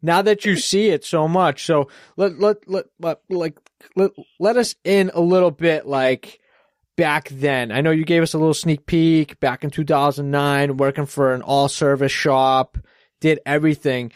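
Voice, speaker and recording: Cursing Boston-accented podcast host. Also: male voice, a little high, fairly even intonation, measured pace, dry recording, clean studio sound. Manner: rambling, swears freely. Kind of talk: casual interview chat.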